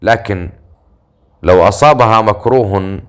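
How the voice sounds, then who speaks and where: A man's voice: fairly low pitch, a little slow, smooth, natural voice. A man doing a cold, menacing warrior. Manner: flat, icy, threatening.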